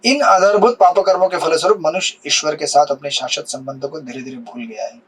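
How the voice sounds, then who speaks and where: A man's voice: a little high, fairly quick, a bit bright, breathy edge, low-quality recording. A man giving a sermon on scripture, asking his listeners questions and mixing English words into his Hindi. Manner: asks the audience questions, mixes English words. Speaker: spiritual teacher.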